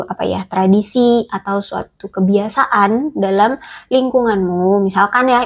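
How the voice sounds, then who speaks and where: A woman talks through a tarot reading in a loose, chatty way. She hedges and restarts often, and her voice has a husky, breathy edge at a middle pitch. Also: darkish tone. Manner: chatty, hesitant, many fillers and restarts. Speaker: tarot reader. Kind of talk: casual tarot reading monologue.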